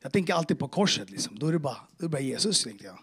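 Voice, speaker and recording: Speaking to a church congregation, a man shares his faith testimony in a casual, earnest and emotional way, mixing in street slang and acted-out conversations. His husky voice is fairly high and fairly bright, with big pitch swings.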